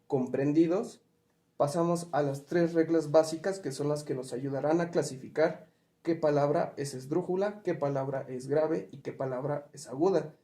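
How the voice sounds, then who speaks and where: A man's voice: fairly high pitch, moderate pace, dark tone. Patient man explaining rules, echoey room. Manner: asks questions and gives examples. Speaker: teacher explaining spelling rules. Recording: roomy echo.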